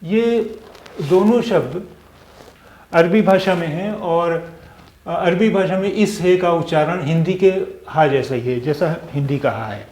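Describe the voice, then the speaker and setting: Slow, patient male language teacher. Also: on the high side, darkish tone. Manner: patient, repeats sounds and syllables slowly, many pauses and fillers. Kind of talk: slow spoken language lesson. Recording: echoey room.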